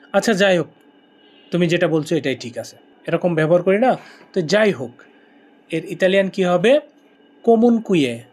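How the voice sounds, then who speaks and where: A Bengali-speaking man teaching a language lesson, repeating each word slowly several times so listeners can copy it. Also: on the high side.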